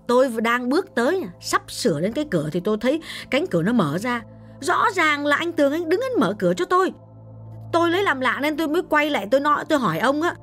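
Brief: a man playing a shrill, fast-talking elderly woman, insistent and easily alarmed, storybook reading, pitch leaping high and low. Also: sing-song, fairly bright tone, faint music behind, exaggerated voice. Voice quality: shrill, rapid, emphatic. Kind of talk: audiobook storytelling.

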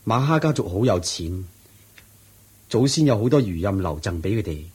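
In a 1980s-style radio drama, an actor plays a devoted male disciple who explains things at length, earnest and respectful. His fairly low, darkish voice swings widely in pitch at a normal speed, slightly rough and exaggerated.

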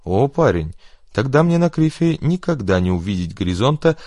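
A man voicing an unflappable male gangster who talks in a calm, everyday tone. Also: mid-range voice, normal speed, no echo, pitched above the performer's own voice. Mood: calm cocky.

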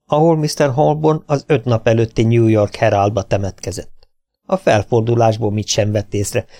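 A man reading an adventure novel aloud in an even, measured way. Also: medium pitch, vocal fry, dry recording, clean studio sound. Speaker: audiobook reader. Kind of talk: scripted narration.

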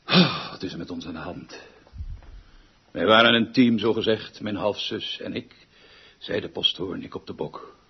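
In a radio drama, a man plays a pompous, obsessive, theatrical music director haunted by a lost half-sister, declaiming grandly and repeating words for emphasis. His low, gravelly voice has a breathy edge, moves at a moderate pace, and is exaggerated, with a wistful, brooding mood. It's theatrical acting on a dull lo-fi radio recording with music.

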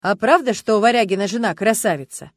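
A woman's voice: medium pitch, fast talker, no room sound, lightly acted. A woman voicing a drunk, pushy male police captain who keeps prying, in an audiobook reading. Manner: prying, slurring, swaggering.

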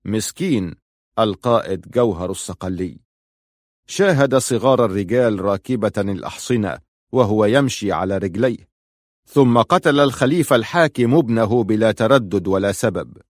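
A man voicing a commanding male army chief, declaiming forcefully in an audiobook reading. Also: fairly low pitch, lively intonation, normal speed, no room sound, studio quality. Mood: assertive.

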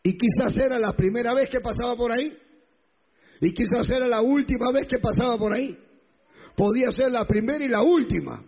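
A male pastor preaches with emphatic repetition and rhetorical questions. His voice is high, gravelly and husky. It is recorded in a church hall with a long echo and dull, lo-fi sound. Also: brisk. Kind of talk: sermon.

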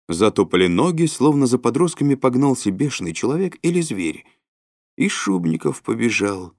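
Expressive male audiobook narrator. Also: dry recording, studio quality. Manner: expressive, with sudden rises and drops in pitch. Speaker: audiobook reader.

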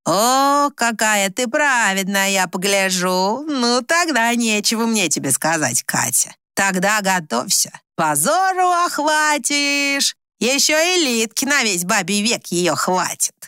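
A woman voicing a coarse, scheming older village woman with a hoarse voice, who scolds bluntly. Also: on the high side, very animated, slow pace, hardly any pauses, pushed and bright, dry recording, clean studio sound, heavily acted. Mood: scolding.

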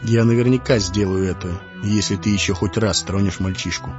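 A man voicing a charming, confident male wizard in an audiobook, calm and storytelling, commanding when angry. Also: lowish voice, fairly quick, close to an everyday voice. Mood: threatening. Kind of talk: audiobook narration. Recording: dull lo-fi audio with music.

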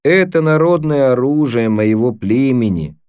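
A man voicing a cheerful boy who speaks slow, halting, broken Russian. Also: a little high, fairly even intonation, a little mellow, clean tone, pitched above the performer's own voice.

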